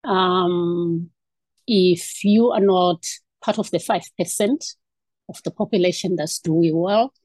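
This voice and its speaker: In a relaxed interview, a Zimbabwean woman in her fifties describes her background, hesitating often with ums and restarts. She speaks slowly in a darkish, fairly low voice, and the recording is dry.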